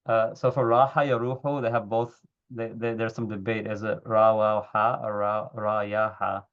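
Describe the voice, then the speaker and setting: A man's voice: on the low side, level tone, moderate pace. A man teaching an Arabic text over a video call, explaining word roots step by step, his volume rising and dropping unevenly as the connection cuts out. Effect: uneven volume from a cutting-out internet connection. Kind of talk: online class explaining a text. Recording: dull lo-fi online call audio.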